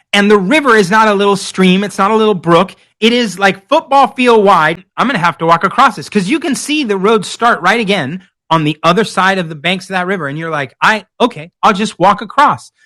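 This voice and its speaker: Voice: medium pitch, fairly bright tone. A conference speaker telling a vivid second-person story, acting out quotes and repeating phrases for emphasis. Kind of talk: storytelling keynote talk.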